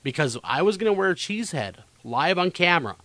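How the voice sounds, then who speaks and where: A man's voice: high-pitched, sing-song, fairly quick, bright, forceful tone, dry recording. Upbeat joking male webcast host. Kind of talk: casual chat.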